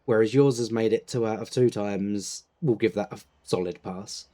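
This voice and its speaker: A British man chatting casually while playing a driving game, laid-back, laughing often and clearing his throat. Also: on the low side, moderate pace, warm tone. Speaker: gaming channel host. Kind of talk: casual gameplay chat.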